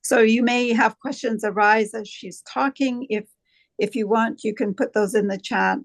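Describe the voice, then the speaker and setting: A woman's voice: on the high side, steady tone, normal speed, no echo. A woman hosting a webinar over a video call, introducing the guest and explaining questions, with a hesitant delivery full of fillers. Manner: hesitant, many fillers and restarts. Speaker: webinar host. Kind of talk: moderating a webinar.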